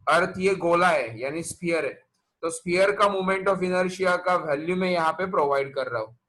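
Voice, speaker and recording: Bright-voiced man teaching physics. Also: high voice, moderate pace, rough recording. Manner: quizzing students, mixing English terms into Hindi. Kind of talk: online class lecture.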